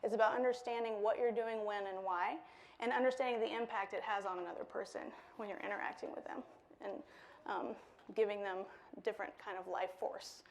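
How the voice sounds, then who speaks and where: A woman leading an interactive workshop before a live audience, lively and playful, laughing often. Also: medium pitch, a little fast, a little hiss or hum. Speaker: workshop speaker. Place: lecture room with a live audience.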